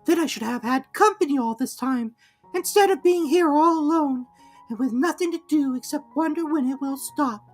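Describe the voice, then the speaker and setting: A woman voicing a very small, timid male piglet in a storybook, with a squeaky, fretful, childlike manner. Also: moderate pace, darkish tone, faint music behind, close to an everyday voice. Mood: wistful.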